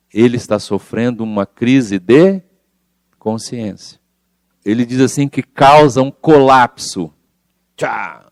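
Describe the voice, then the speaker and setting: A man guides a spiritist study group in a relaxed, conversational way, often slipping into acted-out examples to make a point. His voice sits at an ordinary middle pitch. The recording is dry, with almost no room echo. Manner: colloquial, explains by acting out examples. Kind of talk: informal group study talk.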